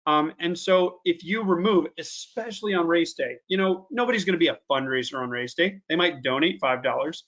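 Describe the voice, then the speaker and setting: A man presenting a software tutorial webinar, talking casually with many fillers and slowing down to stress warnings. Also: on the high side. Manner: casual, lots of ums and restarts, slows down to stress warnings. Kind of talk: screen-share software tutorial. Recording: dull lo-fi webinar audio.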